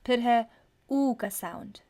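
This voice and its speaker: A woman teaching English vowel sounds, slowly repeating each sound and example word. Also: fairly high pitch, mellow. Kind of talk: pronunciation lesson.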